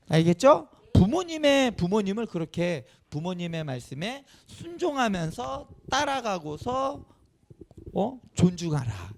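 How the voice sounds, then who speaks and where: A male pastor gives a children's sermon in an animated way, putting questions straight to the kids. His voice sits high for a man and swings widely in pitch. A gravelly edge runs under his words. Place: church sanctuary.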